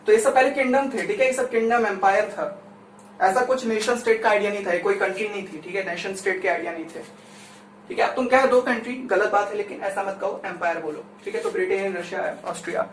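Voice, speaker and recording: A man's voice: high-pitched, brisk. A man from India giving a conversational classroom lecture as a teacher, chatty and constantly checking in with his listeners. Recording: roomy echo, distant mic, faint noise.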